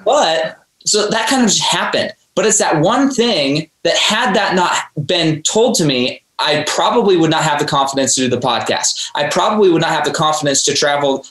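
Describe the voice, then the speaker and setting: A podcast host gives motivational interview talk, speaking earnestly and a little preachily straight to his listeners. His fairly high, somewhat bright voice is expressive, moving at normal speed with few pauses. The room is echoey.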